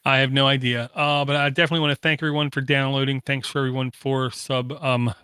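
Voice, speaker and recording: A tech podcast host signs off casually in a mid-range, fast, clean voice with clean studio sound and no room noise. He speaks steadily, says "uh" a lot, and reads out contact details.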